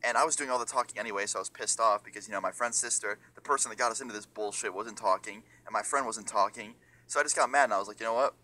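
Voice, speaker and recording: A young man tears through his storytime at a fast clip. His voice is bright and forceful, full of swearing, and he acts out everyone in the story. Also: on the low side, a little hiss or hum. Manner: profane, excitable, mimics other people. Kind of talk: storytime rant.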